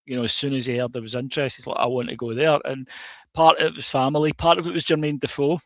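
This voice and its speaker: A Scottish man co-hosts a football podcast, chatting casually but hesitantly, with lots of fillers and restarts. His mid-range voice is fairly even in intonation, fairly bright, and fast. The recording sounds dull, dry, and lo-fi.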